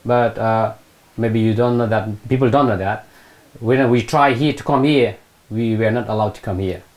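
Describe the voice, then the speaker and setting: A fairly low, fairly evenly intoned voice at a moderate pace belongs to a middle-aged former British Army Gurkha from eastern Nepal. With a Nepali accent, he recalls his past hesitantly in an oral history interview, repeating phrases often. He's on a sofa in a small indoor room, wearing a lapel mic.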